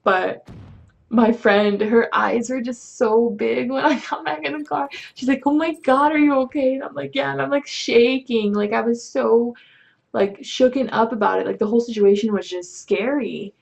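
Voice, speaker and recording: A woman's voice: on the high side, moderate pace, creaky, poor audio. A young woman vlogger telling a casual storytime, chatty with many fillers, acting out the people she quotes. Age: young adult.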